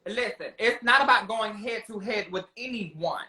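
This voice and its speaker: Amid crowd noise and roomy echo, a medium-pitched guest talks at a normal speed in a heated, casual debate over a reality show. Their manner is sassy and insistent, hammering the same points again and again.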